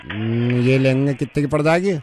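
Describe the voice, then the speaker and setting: A man's voice: mid-range voice, normal speed, noisy background. Man haggling casually over a call. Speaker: radio prankster.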